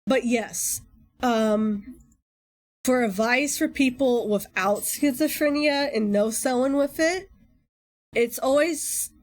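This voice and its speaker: Woman vtuber streamer just chatting, kinda high voice, rambly and informal, reacting to vids. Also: takes it slowly. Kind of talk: casual livestream chat, reacting to videos.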